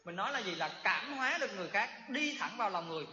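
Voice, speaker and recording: A man's voice: sits high, sing-song, racing, bright, forceful tone. A man giving a Buddhist dharma talk to lay followers, often asking the audience questions. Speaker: Buddhist monk teacher. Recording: echoey hall, dull sound.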